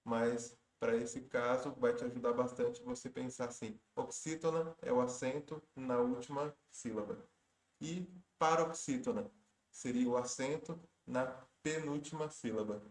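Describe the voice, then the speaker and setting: Patient Portuguese teacher in an echoey room. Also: male voice, medium pitch, fairly even intonation, a little slow. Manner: patient, step-by-step, frequent self-corrections. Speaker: exam prep teacher. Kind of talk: explaining exam questions. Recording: roomy echo.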